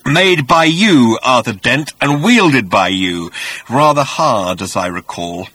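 A man voicing a vengeful, reincarnated male creature spirit with a rumbling, rasping voice that is menacing and swells into furious bellowing. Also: animated, slow pace, bright, forceful tone, no room sound, exaggerated voice. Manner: menacing, rising to shrieking fury. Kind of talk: audiobook character voice.

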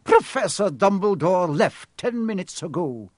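A man's voice: big pitch swings, unhurried, no room sound, studio quality. A man voicing a strict older female professor with a clipped, stern manner. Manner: clipped, stern, raised pitch.

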